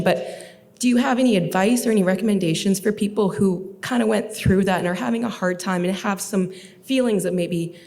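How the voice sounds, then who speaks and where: Mid-pitched woman asking a question. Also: vocal fry, a little mellow. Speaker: audience questioner, social worker. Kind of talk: question from the floor at a conference. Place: large hotel ballroom. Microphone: standing audience microphone.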